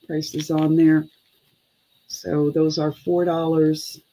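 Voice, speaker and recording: Slow-paced middle-aged woman selling live online. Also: low voice, level tone, warm tone, low-quality recording. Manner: unhurried, chatty, counting and muttering to herself. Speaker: online live-sale seller. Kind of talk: casual live selling chat. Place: indoor room with clothes racks.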